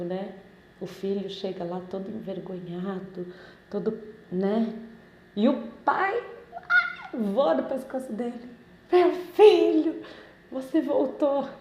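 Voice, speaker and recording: Warm-voiced Brazilian woman leading a study group. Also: mid-range voice, echoey room, slight background noise. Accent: Brazilian Portuguese. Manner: chatty, often asks listeners for agreement. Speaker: Spiritist study group leader. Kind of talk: informal religious study talk.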